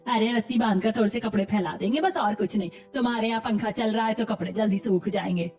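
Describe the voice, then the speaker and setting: A woman's voice: mid-range voice, fast, darkish tone, far from the mic, natural voice. A woman voicing a scheming, pushy older village woman in a cartoon, talking in a coaxing, insistent way.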